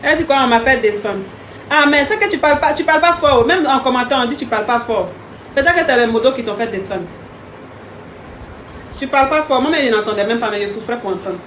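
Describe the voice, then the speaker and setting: A woman's voice: on the high side, animated, fast talker, a bit bright, echoey room, slight background noise. A woman hosting a live stream, chatting casually and teasingly with viewers, repeating herself often. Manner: repetitive, teasing, talks straight to commenters.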